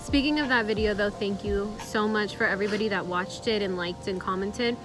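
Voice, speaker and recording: A woman's voice: mid-range voice, fairly quick. Casual woman vlogger over background music. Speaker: vlog co-host. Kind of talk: casual couple vlog chat. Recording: background music behind speech.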